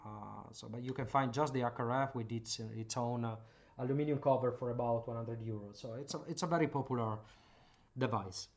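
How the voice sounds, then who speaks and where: At his home workbench, a man from Italy walks through radio gear in a casual explanatory demo for his hobbyist channel. He has an Italian accent and a mid-range, somewhat dark voice that runs a little fast, and he sounds hesitant, with many filler sounds.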